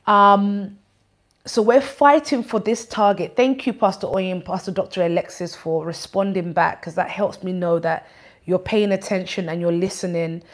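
Woman, church leader, noticeable lisp, mid-pitched voice, firm directive exhortation, repetitive emphasis, live-stream address. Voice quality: lisp, from awaiting braces or dental appliance. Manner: firm, directive, repeats key points.

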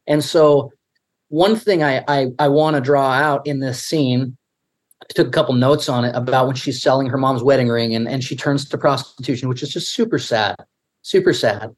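A man's voice: mid-range voice, normal speed. Earnest man thinking aloud. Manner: earnest, restarts often while thinking aloud. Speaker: podcast co-host. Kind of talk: casual conversational discussion.

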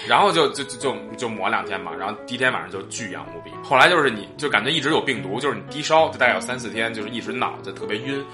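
A man's voice: mid-range voice, very fast, hardly any pauses, over music. A man hosting a podcast, telling a long personal story in casual chat, full of restarts and fillers. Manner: rambling, many restarts and "然后" fillers, animated when quoting others. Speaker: podcast host.

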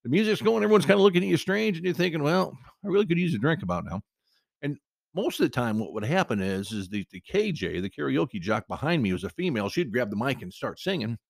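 A man's voice: mid-range voice, very animated, quick pace, vocal fry, no echo, clean studio sound. A man hosting a podcast, telling a personal story in a rambling, conversational way with frequent restarts.

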